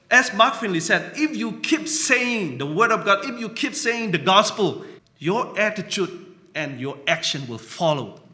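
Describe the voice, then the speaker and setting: A man's voice: on the high side, sharp tone. A man from Burma, preaching a conversational sermon that he keeps checking in on with "you know" and "right?".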